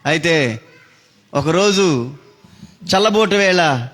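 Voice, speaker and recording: A man's voice: a little high, expressive, very slow, fairly bright tone. A man preaching a sermon, telling a story dramatically with big rises and falls in his voice. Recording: long reverb of a hall.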